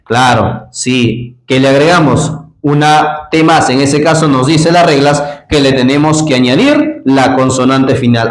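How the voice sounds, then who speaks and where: Slow-spoken man teaching English grammar. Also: on the high side. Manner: explains in Spanish, asks the class many questions; spells out letters slowly. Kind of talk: classroom-style grammar lesson. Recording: echoey room.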